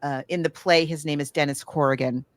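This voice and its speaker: Deep-voiced and brisk, with fairly even intonation, an American woman co-hosts a podcast in a casual, conversational style. She tells stories about books and films and keeps circling back to earlier points. No room sound is audible.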